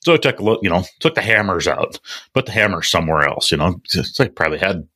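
Deep voiced guy, bright and punchy, rambly casual trade podcast chat, lots of you knows. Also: lively intonation. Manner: rambling, halting storytelling with many filler words. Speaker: plumber and podcast host.

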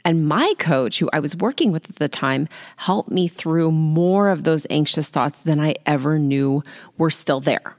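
On her one-person podcast, a life coach in her late forties chats informally into a handheld mic without a pop filter, often putting herself down in a lighthearted way. Her deep voice is unhurried and a little mellow. She sits on the floor of a small closet at home, and the recording has no echo and sounds studio quality.

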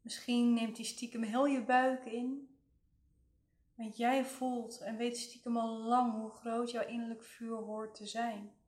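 A woman leading a guided relaxation meditation in a soothing, gentle way, leaving long pauses. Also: on the high side, flat delivery. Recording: roomy, echoing voice recording.

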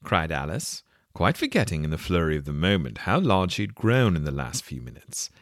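A man narrating a storybook with expressive, theatrical storytelling. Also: low voice, a little fast. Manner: expressive storytelling, wide swings. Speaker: audiobook narrator. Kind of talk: scripted narration.

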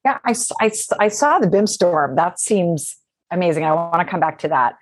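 A woman hosting a podcast interview, chatty and friendly, with quick restarts as she frames her questions. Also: lowish voice, animated, dry recording. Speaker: podcast host. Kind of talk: casual interview.

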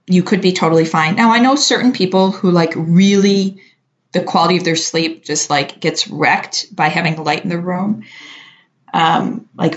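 A woman co-hosting a show, giving relaxed, chatty advice with lots of filler words. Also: on the low side. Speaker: podcast co-host answering listener questions. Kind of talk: casual advice chat. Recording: dull lo-fi sound.

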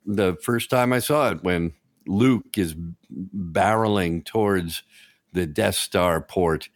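A low-voiced man hosts a casual podcast chat, enthusiastic and joking as he talks. He is recorded close on a dry mic. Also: slow, no room sound. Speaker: podcast host.

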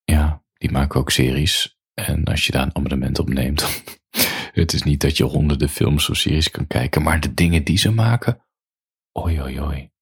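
Man, podcaster, very deep voice, breathy husky tone, unhurried musing monologue, reads a story aloud. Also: no room sound, studio quality. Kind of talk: reflective monologue, then reading a story aloud.

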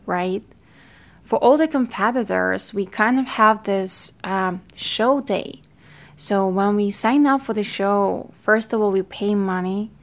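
A woman with a Ukrainian accent talks through her own podcast in a casual, earnest way. English is not her first language, so her phrasing has small slips and restarts. Her voice sits at an ordinary middle pitch. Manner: chatty, earnest, with non-native grammar slips and restarts. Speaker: podcast host, fitness coach. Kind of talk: casual solo podcast talk.

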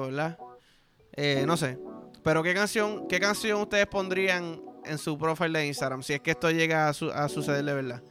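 Crude joking Puerto Rican man. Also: fairly high pitch. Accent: Puerto Rican Spanish. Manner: crude, joking, animated storytelling. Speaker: podcast host. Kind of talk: casual solo chat.

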